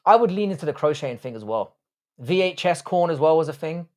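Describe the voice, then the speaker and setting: A fairly high-pitched, animated man talks fairly quickly while hosting a live stream and responding to viewer comments in a joking, blunt, foul-mouthed manner. He's in his thirties, from Ireland, raised in southwest London, with a London English accent.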